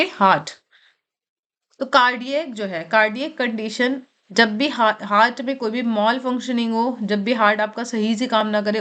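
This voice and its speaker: A woman's voice: a little high, a bit bright. A woman teacher giving a vocabulary lecture for exam preparation. She mixes Hindi with English terms, repeats key words and asks and answers her own questions.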